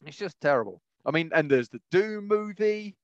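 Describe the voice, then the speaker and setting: Hosting a podcast about films, a man with an animated, high voice speaks at a moderate pace, rambling opinionatedly and emphatically while often repeating phrases. The sound is dull and has no echo.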